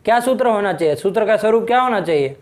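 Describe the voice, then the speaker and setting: Man, high-pitched voice, grammar teacher, classroom lesson, questioning students, keeps checking understanding. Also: animated, fast talker.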